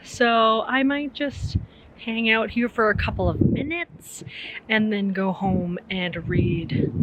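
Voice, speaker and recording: A woman chatting casually to camera in a vlog, with playful, mock-serious deadpan humour. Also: mid-range voice, very noisy. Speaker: vlogger.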